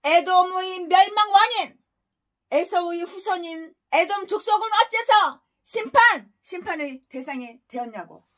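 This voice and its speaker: Woman pastor, sermon, very high and sharp-toned, harsh scolding delivery full of rhetorical jabs. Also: measured pace. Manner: scolding, crude insults and rhetorical questions. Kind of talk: expository sermon.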